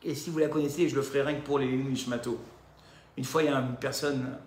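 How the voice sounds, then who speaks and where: A man giving a religious lesson, talking straight to his listeners with lively rhetorical questions. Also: medium pitch, brisk, echoey room, slight background noise. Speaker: religious teacher. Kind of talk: recorded Torah class lecture.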